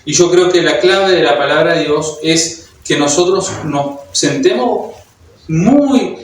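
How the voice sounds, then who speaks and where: A man with a Uruguayan Spanish accent delivers a sermon in a slightly raised voice, pausing often on fillers and starting his sentences over. He sounds far from the microphone, with heavy echo from a large hall and a faint hum of room noise. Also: on the high side. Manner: hesitant, many fillers and restarts, speaks directly to the congregation. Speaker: preacher. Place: church hall. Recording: very echoey hall, heard from a distance.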